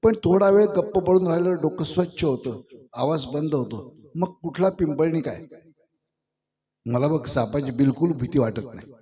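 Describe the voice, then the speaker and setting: A timid, easily bewildered young village man from a storybook, hesitant and wondering, as a male narrator reads him. The voice is a little high and soft, heard through a dull, lo-fi recording. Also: expressive, moderate pace, lightly acted. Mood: musing.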